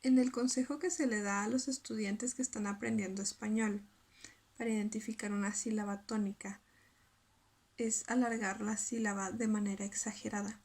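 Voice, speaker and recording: Woman reading a lesson script, raspy creaky voice, says the syllables out slow. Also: mid-range voice, fairly even intonation, darkish tone. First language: Spanish. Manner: reads carefully, spells out syllables slowly. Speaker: student presenter.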